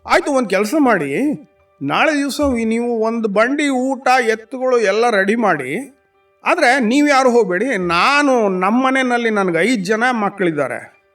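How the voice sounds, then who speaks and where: Man doing a resolute storybook mother, reassuring, steady, high-pitched, soft music behind. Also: unhurried, distant mic, heavily acted. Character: calm, resolute mother of five sons.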